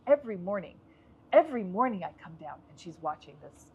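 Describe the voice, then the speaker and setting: A middle-aged woman co-hosting a podcast, telling teasing stories in animated casual chat. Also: mid-range voice, fast talker, breathy edge, highs cut off. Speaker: podcast co-host.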